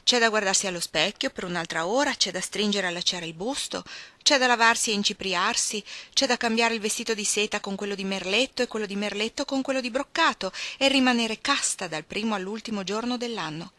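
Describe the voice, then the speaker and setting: Brief: a spirited young noblewoman, voiced by a woman who thinks aloud, bright and reflective, with sharp outbursts. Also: medium pitch, a little fast, no room sound, lightly acted. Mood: musing. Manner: musing, reflective, with sudden exclamations. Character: Orlando, young noblewoman, once a man, spirited.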